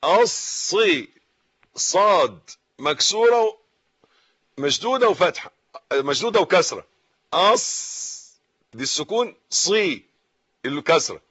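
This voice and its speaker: A man with an Egyptian Arabic accent teaching Quran recitation, reciting slowly and then explaining corrections quickly. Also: high voice, sing-song, a bit bright, husky, lo-fi sound.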